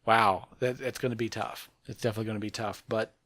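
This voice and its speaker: A man's voice: fairly low pitch, little pitch movement, quick pace, a bit bright, dry recording. A man co-hosting a podcast, chatting enthusiastically and rambling about geek news. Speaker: podcast co-host.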